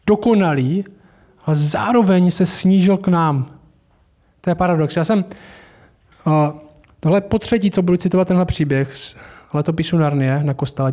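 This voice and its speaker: A man preaching a sermon in church, telling a story in a loose, informal way. His voice sits high for a man, and he often breaks off and restarts his sentences. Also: pauses often, a little mellow.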